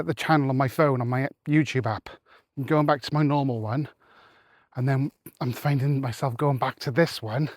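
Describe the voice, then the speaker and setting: Walking in open fields, this married adult vlogger chats to camera in a rambling way, full of fillers and restarts, slightly breathless. His voice leans high, with no echo and a clean studio-quality sound.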